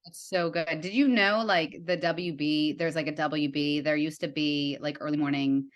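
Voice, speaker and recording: A young adult woman, a guest in a casual conversation, telling stories in an animated way with lots of fillers and acted-out quotes. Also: deep voice, moderate pace. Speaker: guest, writer and art director.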